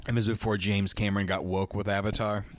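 A man's voice: fairly low pitch, little pitch movement, quick pace, a little hiss or hum. A man co-hosting a casual movie commentary, joking, swearing freely and laughing often.

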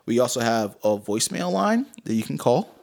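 A man's voice: medium pitch, very animated, normal speed, vocal fry, darkish tone. A male podcast host with a mid-range voice and a loose frat-bro way of talking. He chats casually and slangily, like he's hanging out with buddies. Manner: laid-back frat-bro slang, peppered with "dude" and "man".

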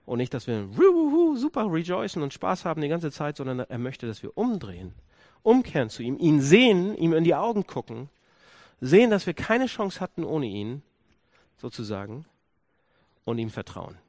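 A male pastor preaching a sermon, dropping to hushed low stretches, then rising into emphatic repeated questions. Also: very animated, normal speed, no room sound, studio quality.

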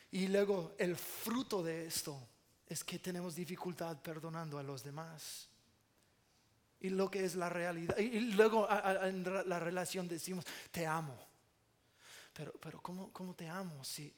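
A man's voice: high voice, darkish tone. A man preaching a sermon as pastor, earnest with playful asides, speaking Spanish with an American English accent.

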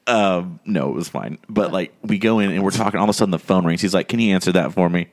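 A podcast host with a low, fast voice tells a long anecdote in casual chat. He's an animated storyteller who acts out the voices of the people he quotes.

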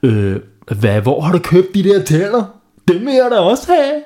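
A man voicing an eager, excitable businessman in a children's audio story, with a raised voice. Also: high-pitched, voice pushed up. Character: eager businessman, grown man, full of ideas.

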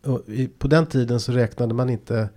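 A man's voice: mid-range voice, mellow. A man hosting a talk about poetry, speaking hesitantly with many restarts as he explains. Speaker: podcast host. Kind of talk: casual discussion of poetry.

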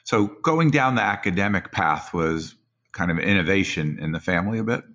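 A man's voice: deep voice, expressive, brisk, fairly bright tone. A man hosting an interview, asking questions in a conversational style. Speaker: interviewer, podcast host.

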